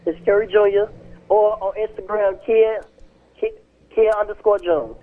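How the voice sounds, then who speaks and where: Young guy calling in on a tinny phone, high voice, kinda halting and rambly. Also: steady tone. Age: 20s. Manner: hesitant, rambling with fillers. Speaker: musician calling in. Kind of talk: casual phone interview. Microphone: telephone.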